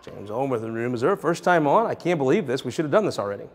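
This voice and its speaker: Man, political talk host, quick chatty delivery, fast pace, long reverb, faint hiss. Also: mid-range voice, sing-song. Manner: quick, conversational, joking with guests. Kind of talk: political interview and panel talk.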